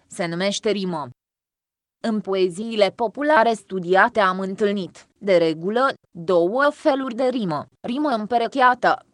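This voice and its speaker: Woman, middle-pitched, dry close sound, reads a textbook lesson aloud, even and measured. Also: no room sound. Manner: even, measured reading of exercises and definitions. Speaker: textbook reader.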